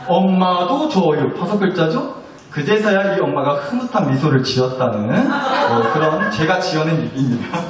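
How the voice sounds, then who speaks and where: A man's voice: a little high, lively intonation, moderate pace, crowd noise. A male pastor preaching a sermon in a chatty, confessional way, joking with his congregation. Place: church sanctuary. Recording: echoey church hall, mic at a distance.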